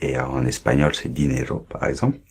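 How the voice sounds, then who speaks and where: A very low-pitched man teaching a French grammar lesson. He explains patiently, pauses on fillers and checks in often with "ok". He drags out sounds when he demonstrates pronunciation. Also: level tone, breathy edge. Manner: explains slowly with many fillers and checks like ok, d'accord; models pronunciation, drawing out sounds.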